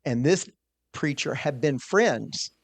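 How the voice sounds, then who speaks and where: A man's voice: a little high, lively intonation, slow, no echo. A middle-aged man, a small business owner, telling a personal story in an earnest, conversational way, often restarting his words.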